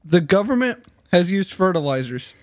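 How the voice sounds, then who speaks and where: High-voiced, mock-serious man, dry sound. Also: very animated, normal speed, no echo. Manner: playfully earnest, mock-serious delivery. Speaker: podcast co-host presenting theories. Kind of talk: casual chat.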